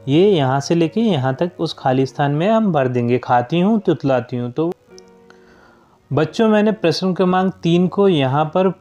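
Young male teacher, patient classroom explainer, mellow and fairly high voice. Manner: patient, keeps addressing children. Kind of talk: explaining a school worksheet.

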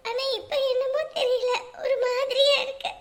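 A tender young wife, acted by a woman speaks with tearful emotion. Her voice is very high, with a faint gravelly edge. The delivery feels close and heartfelt. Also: normal speed, fairly bright tone, heavily acted. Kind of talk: family drama acting.

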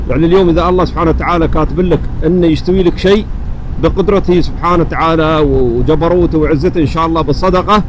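Emirati man, motovlogger, higher-pitched voice, rapid earnest delivery with repeated phrases, recorded outdoors on a motorbike. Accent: Emirati Gulf Arabic. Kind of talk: casual religious reflection while riding. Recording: steady vehicle and traffic noise.

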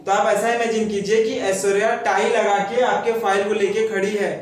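A man teaching memory tricks and asking questions he then answers himself, in a steady explaining manner. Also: high voice, normal speed. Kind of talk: mnemonic lesson for students. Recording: very echoey room, mic far off.

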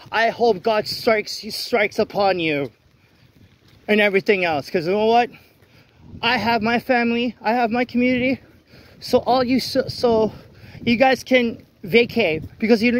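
High-voiced man ranting on a rainy night walk. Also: a little hiss or hum. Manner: blunt, ranting, with frequent laughs and restarts. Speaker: vlogger. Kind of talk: walk-and-talk vlog rant. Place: outdoors on a wet city street at night in the rain. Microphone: phone held while walking.

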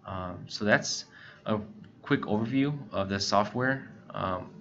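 In an indoor voice-over for a screen recording, a tutorial presenter for a scanner retailer casually guides viewers through software. His lowish voice is informal and a bit hesitant, broken by frequent short pauses. The lo-fi audio is muffled, with noticeable background noise.

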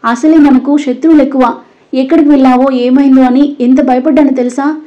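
A woman's voice: a little high, steady tone, a little fast, highs cut off, close to an everyday voice. A woman voicing a worried, affectionate young wife, emotional and sulky.

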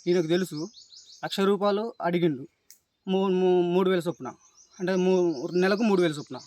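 A man with a Telangana Telugu accent giving distressed, halting testimony in an interview, pleading and repeatedly addressing the listener as sir. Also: sits high, a little mellow. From Telangana, India. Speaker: complainant describing police abuse.

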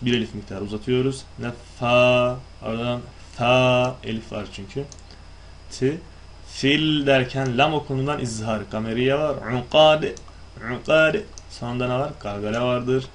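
A man teaching recitation rules in a didactic way, asking questions and answering them himself. He sounds out words to show how they should be recited. His voice sits at an ordinary middle pitch, with a faint hiss of noise behind it. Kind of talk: explanatory lesson.

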